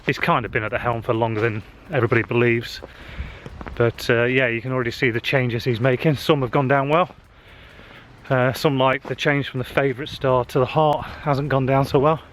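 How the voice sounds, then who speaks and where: Casting: man vlogging on a walk, a bit winded, mid pitch, faint outdoor hiss. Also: steady tone, fairly quick. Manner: chatty, with frequent "uh" fillers. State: slightly out of breath walking uphill. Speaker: social media marketing vlogger. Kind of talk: casual walking vlog. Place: outdoors on a wooded hill path. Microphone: handheld camera.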